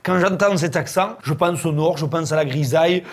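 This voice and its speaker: A young Provençal man with a high, husky voice talks in an easy, animated way. He co-hosts a casual chat and leans hard on the points he cares about. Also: moderate pace. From southern France. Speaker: co-host.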